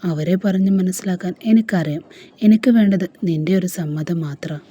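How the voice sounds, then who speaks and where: A woman's voice: lowish voice, moderate pace, warm tone, slightly rough. A woman reading as a tender, devoted young man. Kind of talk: storybook dialogue reading.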